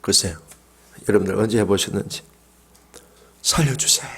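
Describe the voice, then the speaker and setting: A middle-aged male pastor delivers a Sunday sermon in a fairly high voice that leaps up and down. He talks calmly at times and then rises to loud, impassioned cries. He has the congregation repeat phrases after him. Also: moderate pace. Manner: swings from calm talk to loud impassioned cries; leads the congregation in call-and-response.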